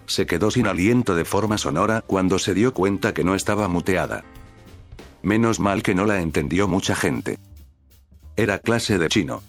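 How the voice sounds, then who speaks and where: A man with a very low voice reads out a string of short stories in a steady, scripted narration. His delivery stays even from line to line, with soft music playing quietly underneath. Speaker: narrator reading online stories.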